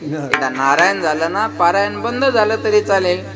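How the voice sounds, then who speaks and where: A high-pitched, expressive man preaches a devotional kirtan sermon at normal speed before a live crowd. Folksy and funny, he spins stories and again and again asks rhetorical questions the listeners are meant to answer aloud.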